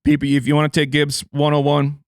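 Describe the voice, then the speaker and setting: A man's voice: a little high, completely flat delivery, brisk, no echo, clean studio sound. A man, a fantasy football analyst, chatting casually in an interview with loose, restart-heavy phrasing.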